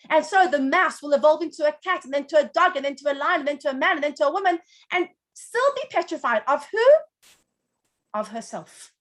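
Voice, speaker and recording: A woman teaching a class, telling a parable in an expressive storyteller's way with dramatic pauses. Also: high-pitched. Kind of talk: storytelling lesson.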